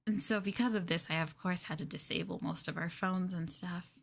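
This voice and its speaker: In an intimate ASMR roleplay, a woman plays an obsessive, sweetly possessive young girlfriend who coos and coaxes the listener with soft, breathy asides. Her voice is lowish and fairly quick, and the mood is coaxing and dreamy.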